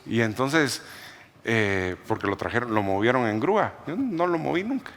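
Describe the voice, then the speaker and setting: A man preaching a sermon as a pastor, with an animated storytelling manner. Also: medium pitch, moderate pace. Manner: storytelling, animated, laughs while telling. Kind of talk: sermon testimony.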